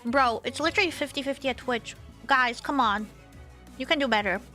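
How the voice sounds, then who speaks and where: A woman's voice: sits high, fairly quick, sharp tone, soft background music. A woman streamer chatting casually on a livestream, rambling and teasing, with restarts as she thinks aloud.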